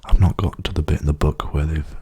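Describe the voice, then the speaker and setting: A man speaking in a soft, hushed ASMR style, often slipping into a whisper as he rambles casually and gently. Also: rumbling low, fairly even intonation, fairly quick, slightly rough. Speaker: ASMR video host. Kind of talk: softly spoken ASMR rambling.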